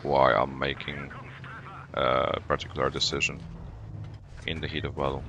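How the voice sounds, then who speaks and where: Very deep-voiced Polish man streaming a game. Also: moderate pace, vocal fry, background noise. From Poland. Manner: explains decisions while playing, relaxed banter. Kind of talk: live gameplay commentary.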